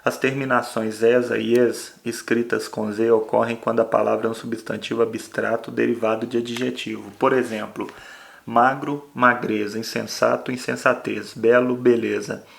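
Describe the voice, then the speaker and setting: A man's voice: medium pitch, level tone, creaky. A man teaching a Portuguese spelling and accent lesson, explaining step by step and often checking in with "né?". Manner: explains slowly with frequent "né?". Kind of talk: grammar lesson.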